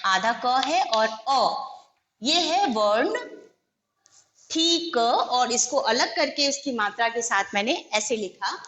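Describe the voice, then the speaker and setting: A woman teacher with a slightly high, fairly bright voice talks at a slow, animated pace, patiently explaining each word one letter and vowel sign at a time. The recording is echoey, with faint background noise.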